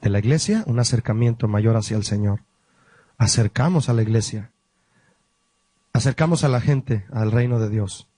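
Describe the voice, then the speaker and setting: A man, a pastor, teaching a Bible study lesson, explaining word meanings slowly and asking the listeners questions. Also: medium pitch, dark tone, breathy edge, no echo.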